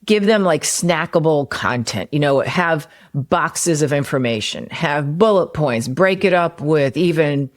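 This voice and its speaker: This solo podcast host, a copywriter and one-time personal trainer, explains marketing concepts conversationally through everyday examples. Her low voice is expressive and a little slow, with hardly any pauses.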